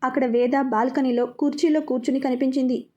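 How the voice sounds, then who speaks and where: A woman narrating a romantic story in an unhurried, even storytelling voice. Her voice is high and mellow. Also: highs cut off.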